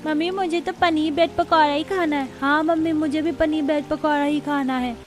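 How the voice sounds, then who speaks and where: A woman doing a high-voiced little girl. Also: steady tone, a little fast, soft background music, close to an everyday voice. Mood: childlike. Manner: childlike, eager. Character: little daughter, hungry and loyal.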